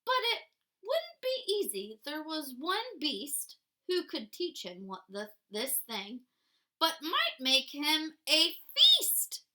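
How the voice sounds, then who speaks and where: Slow, expressive storytelling woman. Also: high-pitched, rough recording. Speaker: teacher. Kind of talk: reading a picture book aloud.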